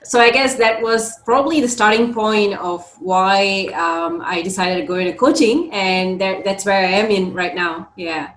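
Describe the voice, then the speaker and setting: A woman's voice: medium pitch, moderate pace, few pauses, a bit bright, echoey room, poor audio. A young woman from Singapore, a career coach talking as a podcast guest, thoughtful and full of fillers. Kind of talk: conversational interview.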